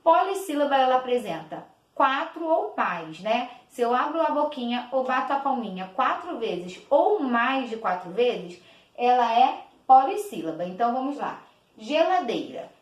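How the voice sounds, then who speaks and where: A woman teacher gives a patient children's lesson, clapping out each syllable slowly and repeating words. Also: sits high, sing-song. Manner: slow, clapping out each syllable, many diminutives. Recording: echoey room.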